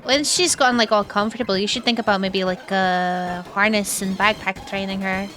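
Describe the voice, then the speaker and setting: A woman livestreamer chatting casually with viewers in a cute, animated manner, often tagging her sentences with "yeah". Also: medium pitch, moderate pace, faint music behind. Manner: habitually tags sentences with a questioning or affirming "yeah"; casual swearing.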